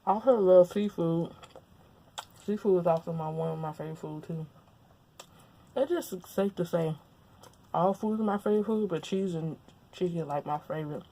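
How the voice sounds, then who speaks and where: Mukbang host: young woman from Louisiana, lapel mic at home, mellow lowish voice, relaxed chatter between bites. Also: normal speed, long pauses. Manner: relaxed, chatty, talks with mouth full. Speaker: mukbang vlogger. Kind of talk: casual chat while eating. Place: at home, indoors.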